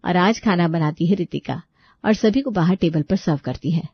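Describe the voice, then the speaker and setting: A woman's voice: lowish voice, moderate pace, breathy edge, no room sound, highs cut off. A woman narrating a cartoon family story in a chatty way, speaking to the listeners. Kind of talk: scripted narration.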